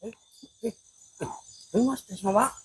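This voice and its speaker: A man, soft and hesitant in his halting speech, met outdoors at night. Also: high voice, slightly rough, dry recording, low-quality recording.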